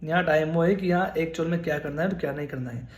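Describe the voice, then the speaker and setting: A man's voice: a little high, racing, reverberant. A man in his twenties giving casual, earnest advice on studying for a nursing exam, repeating points and calling listeners brother. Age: 20s. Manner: earnest, repetitive, addresses viewers as brother. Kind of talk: casual advice talk to camera.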